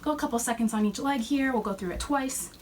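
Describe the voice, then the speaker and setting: A young woman fitness instructor cueing warm-up moves while she exercises, a little out of breath. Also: a little high, fast. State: slightly out of breath. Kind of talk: workout instruction. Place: fitness center. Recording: distant mic with faint room noise.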